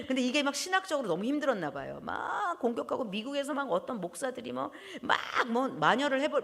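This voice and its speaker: A woman preaching a sermon in a church, animated, often laughing and breaking into loud exclamations. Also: on the high side, creaky. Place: church hall. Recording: long church hall reverb.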